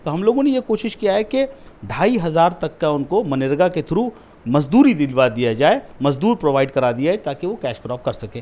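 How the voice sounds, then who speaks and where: Thirties male candidate with a high voice, pressed in a heated interview, argues hard. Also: sing-song, fairly quick. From India. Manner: argues forcefully, rising loud when challenged. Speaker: political candidate.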